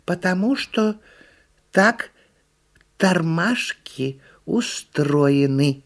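A man reading a storybook and voicing a calm, know-it-all female turtle in a raised, firm, lecturing voice. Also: a little high, extremely slow, voice pushed up, full character voice. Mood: instructive.

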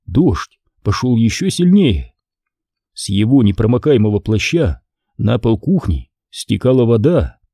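A man narrating an audiobook in first person, with expressive storytelling. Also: medium pitch, measured pace, dry recording, studio quality.

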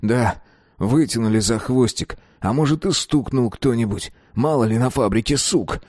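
A man's voice: medium pitch, moderate pace, darkish tone, no echo, clean studio sound, close to an everyday voice. A man reading the part of an anxious factory crook who pleads and turns menacing when cornered. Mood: worried. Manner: worried, pleading, agitated.

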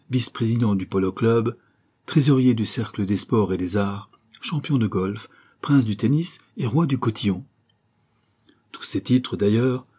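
A man giving a measured, formal scripted narration of a classic novel as an audiobook reader. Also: fairly low pitch, dark tone, breathy edge.

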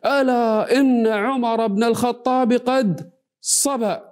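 A man with a Gulf Arabic accent voicing a male town crier who slowly calls out his news. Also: very high voice, steady tone, darkish tone, voice pushed up. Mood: proclaiming. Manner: drawn-out calling out.

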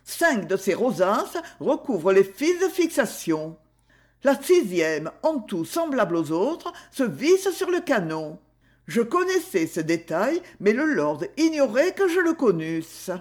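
Frightened young woman, high pleading voice, slow and lively; woman narrator puts her on. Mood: confessing.

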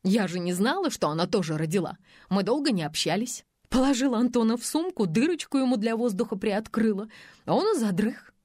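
A woman's voice: on the high side, expressive, brisk, darkish tone, no echo, studio quality. A woman reading an audiobook, voicing a brazen, scheming young mother who talks back defiantly. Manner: defiant, cocky.

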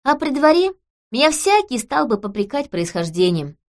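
A woman reading an audiobook, voicing a calm, earnest young woman who speaks in a serious, matter-of-fact way. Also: high voice, moderate pace, pitched above the performer's own voice.

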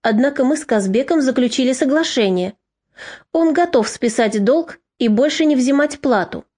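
A woman's voice: high-pitched, animated, moderate pace, dark tone. A woman reading a harsh snapping mother. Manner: curt, snapping. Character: bitter harsh mother, middle-aged woman.

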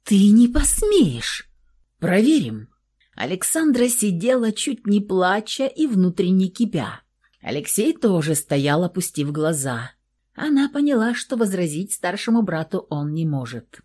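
A woman narrating a novel aloud in an expressive, dramatic audiobook style. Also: on the low side, moderate pace.

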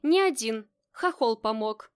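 A woman's voice: a little high, lively intonation, a little slow, clean tone, no room sound, studio quality. Woman reading as a fond teasing husband. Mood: tender. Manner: tender, playful. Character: affectionate teasing husband, grown man.

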